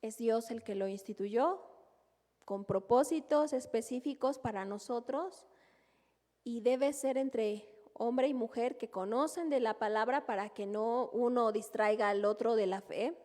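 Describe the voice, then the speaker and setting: A woman's voice: on the high side, a little slow, a little mellow. A Mexican woman teaching a women's church group in a conversational way, often asking the listeners to agree. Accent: Mexican Spanish. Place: church hall. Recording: long hall reverb.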